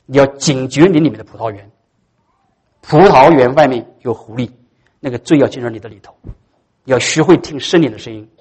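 A man preaching a sermon as pastor. He is emphatic and swings from loud peaks to soft asides. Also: mid-range voice, fairly quick, pauses often, breathy edge.

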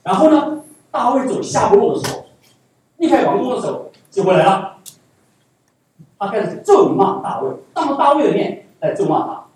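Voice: medium pitch, sing-song, normal speed, a little mellow. Preacher echoing from afar in a hall. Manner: asks the congregation rhetorical questions; repeats phrases for emphasis. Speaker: pastor. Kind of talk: sermon. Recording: echoey hall, voice from far off.

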